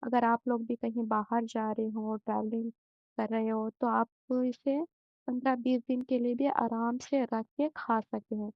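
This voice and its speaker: Young woman, cooking demo, slow and gentle, gravelly fry, flat even delivery. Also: fairly high pitch, no room sound, muffled recording. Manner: slow, gentle, many hesitations. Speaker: home cooking channel host. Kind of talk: step-by-step recipe demonstration.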